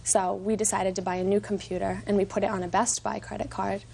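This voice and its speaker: A woman's voice: medium pitch, level tone, quick pace, gravelly, a little mellow. Young woman testifying, faint noise. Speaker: plaintiff in TV court. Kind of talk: explanatory courtroom testimony.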